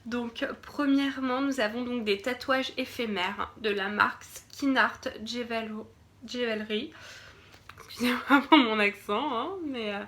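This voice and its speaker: A woman's voice: a little high, moderate pace, hardly any pauses, fairly bright tone. A woman from France doing a casual unboxing video, hesitant, with many fillers and restarts, sometimes dropping to a murmur while she checks products. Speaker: beauty box reviewer.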